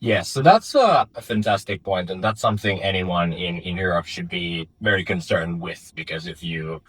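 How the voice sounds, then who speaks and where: Answering interview questions about his startup, a young founder from Finland speaks from an office there in a low, husky, slightly bright voice that turns animated. He's thoughtful, often stopping on fillers and starting sentences over. There's little reverb; the sound is dry and intimate.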